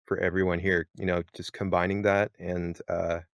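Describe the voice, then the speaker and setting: A man's voice: sits low, level tone, normal speed, no room sound, clean studio sound. A man moderating a casual podcast chat, rambling with many fillers and restarts.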